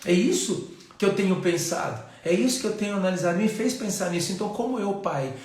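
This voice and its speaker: A man's voice: high-pitched, animated, fast, a little mellow. A Brazilian Portuguese-accented man preaching a sermon as a pastor, earnest and repeating his phrases. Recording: very echoey room.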